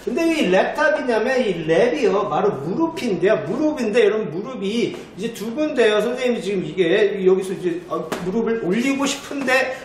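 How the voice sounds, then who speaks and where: Animated high-voiced man teaching in an echoey room. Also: moderate pace, few pauses. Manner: chatty, keeps asking "right?" to check on students. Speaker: English teacher. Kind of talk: vocabulary lecture to students. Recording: very echoey room with faint noise.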